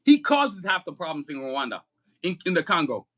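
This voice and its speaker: A man's voice: a little high, big pitch swings, moderate pace. A man on a podcast ranting angrily about politics, cursing and emphatic. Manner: angry, cursing, emphatic, shouting at times. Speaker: podcast co-host. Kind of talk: heated political podcast rant.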